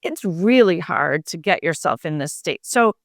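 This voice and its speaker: A woman's voice: fairly low pitch, animated, normal speed, no room sound, clean studio sound. A woman physician and mindfulness coach, a podcast guest, explaining her ideas in a reflective, conversational way with many fillers. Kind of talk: conversational interview.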